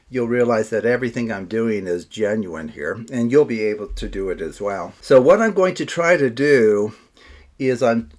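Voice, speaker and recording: A man presenting in casual card magician patter, chatty and self-deprecating, talking as if to a participant. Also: mid-range voice. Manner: talks as if to a participant.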